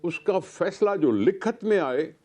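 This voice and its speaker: Man, Pakistani Urdu accent, talk show guest, rhetorical questions, raised voice, mellow tone. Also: high voice, lively intonation, takes it slowly. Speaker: political guest. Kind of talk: heated talk show debate.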